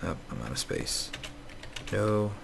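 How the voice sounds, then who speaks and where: Guy with a low gravelly scratchy voice chatting over his game, lots of um and you know, faint keyboard clicks behind. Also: measured pace. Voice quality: scratchy morning voice. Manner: rambling, many fillers and restarts. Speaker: Minecraft let's player. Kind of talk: casual gameplay commentary.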